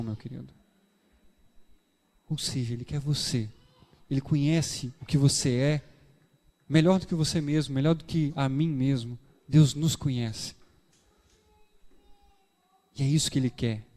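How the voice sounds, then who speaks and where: A man preaching a sermon with a Brazilian Portuguese accent, animated, acting out dialogues in shifting voices. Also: medium pitch. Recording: reverberant church hall.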